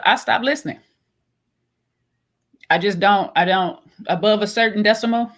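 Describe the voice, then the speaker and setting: A woman co-hosting a casual chat, animated and laughing often, acting out both sides of an argument. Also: mid-range voice. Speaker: co-host.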